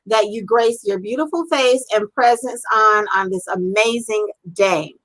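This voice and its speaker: A woman's voice: medium pitch, a little slow, fairly bright tone, low-quality recording. A woman hosting a live-streamed interview, talking in an effusive, upbeat and encouraging way. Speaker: interview host.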